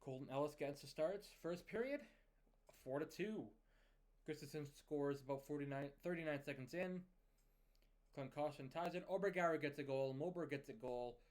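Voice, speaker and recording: Man calmly recapping hockey game scores. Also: on the high side, normal speed. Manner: steady, conversational recap of scores and lineup moves. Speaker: video game commentator. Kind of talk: casual play-by-play commentary over a hockey management game.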